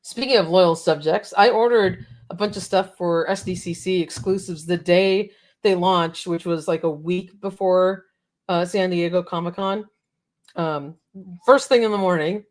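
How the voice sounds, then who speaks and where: Female co-host, somewhat low voice, hoarse and cracking, casual and chatty. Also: measured pace. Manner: chatty, laughs often, reads out viewer comments. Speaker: podcast co-host. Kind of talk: casual chat.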